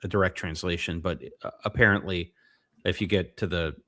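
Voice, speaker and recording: A man's voice: low-pitched, steady tone, fairly quick, a bit bright. A man co-hosting a retro gaming podcast, talking casually with lots of fillers and restarts. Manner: hesitant, many fillers and restarts. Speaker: podcast co-host.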